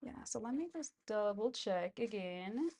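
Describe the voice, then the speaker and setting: A woman talks with a heavy creak in her voice, at a relaxed, slightly slow pace. She rambles and thinks aloud as she films a casual vlog of herself doing chores. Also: mid-range voice. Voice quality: gravelly vocal fry. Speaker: vlogger. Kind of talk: casual, rambling self-filmed chat while cleaning.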